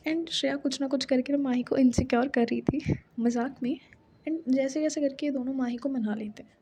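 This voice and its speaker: A woman's voice: high-pitched, normal speed, warm tone, slight background noise. A young woman telling a love story in a chatty, casual way, dropping in English filler words.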